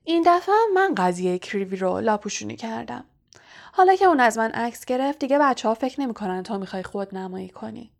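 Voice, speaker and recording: A woman voicing a vain, showy male teacher who talks in a booming, cheerfully pompous way. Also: expressive, creaky. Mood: jovial.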